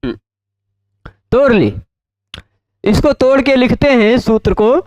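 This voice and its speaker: A man teaching Sanskrit grammar in a lecture, often asking his students check questions and repeating terms slowly. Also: very high voice, big pitch swings, a little mellow, dry recording. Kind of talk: explanatory lecture.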